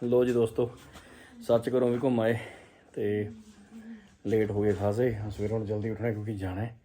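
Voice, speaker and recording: A man's voice: fairly low pitch, level tone, normal speed, warm tone. A man with a Punjabi accent chatting casually in a family vlog, teasing and talkative. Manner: chatty, teasing, sings folk lines. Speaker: vlogger.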